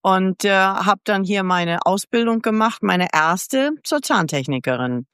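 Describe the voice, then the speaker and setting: Speaking unhurriedly with lively intonation, this woman has a mid-range, fairly bright, clean voice, recorded in a clean studio without echo. She's around seventy, born in the United States, and as a podcast guest she chattily and frankly tells her life story, performing past dialogues along the way.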